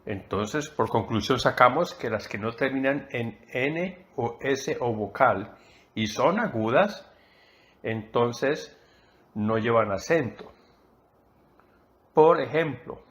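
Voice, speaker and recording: Guy teaching a spanish class, talks real slow and careful, mid pitch, keeps repeating the key words. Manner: deliberate, repeats key terms for emphasis. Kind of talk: slow explanatory lesson.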